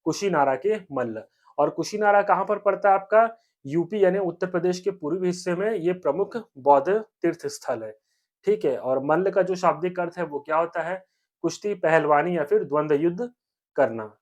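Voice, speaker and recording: A young man's slightly high voice runs an exam-prep history lesson. He keeps asking quick questions and answering them himself, repeats the key points, and checks in with his listeners every few lines. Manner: repetitive, asks and answers own questions; frequent 'theek hai friends' check-ins. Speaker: teacher.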